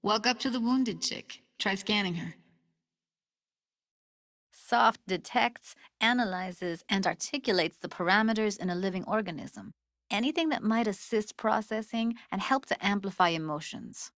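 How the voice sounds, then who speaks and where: An actress voices a streetwise young techie woman in a cyberpunk video game, naturalistic and lightly acted, with a mid-range, slightly bright voice at a moderate pace. She sounds focused and explanatory, casual, slangy and wry.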